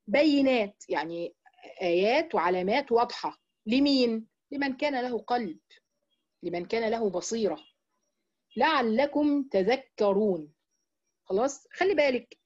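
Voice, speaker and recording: A woman with an Egyptian Arabic accent teaching a religious lesson to women, asking herself questions and drawing out key words slowly for emphasis. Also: a little high, a little mellow, dull audio. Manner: explains with rhetorical questions and checks "right?". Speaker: Quran teacher.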